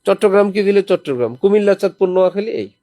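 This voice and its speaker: A man with a high-pitched, animated voice talks fast, his tone mellow on a dry recording. He is preaching to a small gathering in lodgings during a visit to a holy city, teaching by reciting Quranic verses as examples and questioning his listeners.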